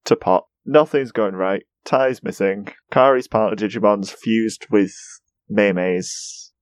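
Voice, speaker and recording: A man's voice: fairly low pitch, slow pace, no echo. Man, podcast co-host, eager, laughs a lot, dry close sound. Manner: enthusiastic, laughs often. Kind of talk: casual chat.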